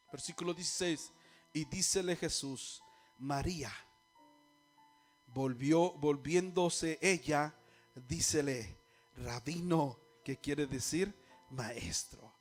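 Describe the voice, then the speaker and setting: High-voiced Spanish-speaking preacher man. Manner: call-and-response questions to the congregation; grows louder and more urgent toward the end. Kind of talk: sermon. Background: faint music.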